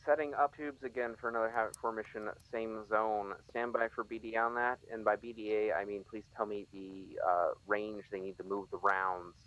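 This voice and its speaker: A man working as a ground fire controller, making calm, procedural calls for fire over radio comms. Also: on the low side, moderate pace, hardly any pauses, highs cut off. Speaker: ground fire controller in a military simulation game. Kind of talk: military radio chatter.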